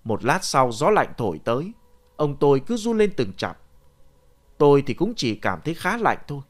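A man narrating a ghost story in the first person, telling it with animated, expressive delivery. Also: a little high, moderate pace. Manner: animated storytelling, shouting the boy's cries.

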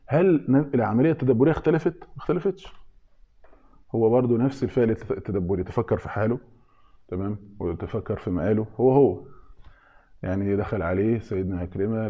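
A man's voice: mid-range voice, lo-fi sound. A man with an Egyptian accent giving an informal religious lesson, often asking his listeners questions and answering them himself. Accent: Egyptian Arabic. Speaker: religious teacher.

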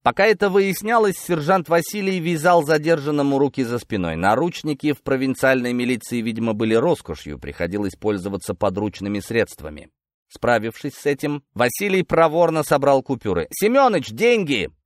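A man narrating a first-person audiobook in a lively, expressive storytelling manner. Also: mid-range voice, brisk, no room sound, clean studio sound.

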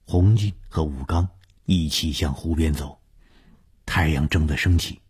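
A man's voice: extremely low pitch, unhurried, darkish tone, husky. A man telling a long serialized story in a dramatic reading style, rising on tense moments.

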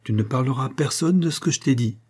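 A man voicing a kind invalid lady who speaks gently but firmly to her young servant, in a read-aloud novel. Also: mid-range voice, quick pace, slightly rough, close to an everyday voice. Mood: gentle, firm. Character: kindly invalid lady, firm yet tender.

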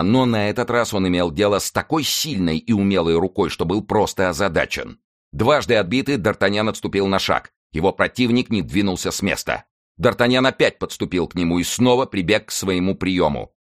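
A man narrating an adventure audiobook in a measured, dramatic way. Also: sits low.

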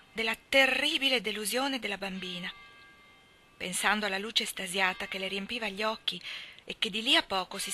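Woman audiobook narrator, bright timbre, expressive storybook reading with hushed asides. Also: mid-range voice. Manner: expressive, often dropping to a hushed whisper. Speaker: audiobook reader. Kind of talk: scripted narration of a novel.

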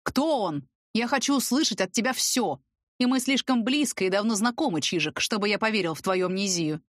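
A woman's voice: mid-range voice, lively intonation, fairly quick, no echo, close to an everyday voice. A woman voicing a young male student, a pushy ex-boyfriend who talks insistently and urgently.

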